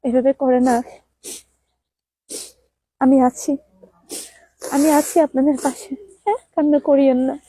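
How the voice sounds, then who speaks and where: Woman vlogger, high and mellow, gently pleading, dry close sound. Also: level tone, unhurried, pauses often, dry recording. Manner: soothing, pleading, repeats short phrases. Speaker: vlogger comforting orphaned children. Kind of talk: emotional on-camera address.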